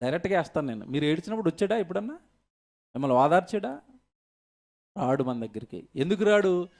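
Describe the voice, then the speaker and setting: A man's voice: fairly high pitch, animated, fast, vocal fry, darkish tone. A male pastor preaching an emphatic sermon at a church service, firing rhetorical questions at the congregation.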